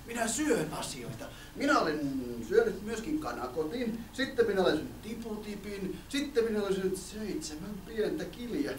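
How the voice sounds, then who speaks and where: Man as a sly chuckling big bad wolf, lively swooping voice, storybook stage, echoey room from afar. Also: high-pitched, recorded from a distance, slight background noise.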